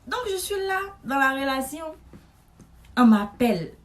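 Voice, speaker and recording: Animated woman telling a comic story. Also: high-pitched, unhurried. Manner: animated, chatty storytelling with frequent asides to the listener. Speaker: comedic storyteller. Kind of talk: comic monologue to camera.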